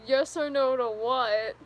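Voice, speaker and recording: Slowly and in a high voice, a fifteen-year-old girl spins rambling stories for her live stream viewers in casual chat. Giggles, fillers, and many "like"s fill her talk.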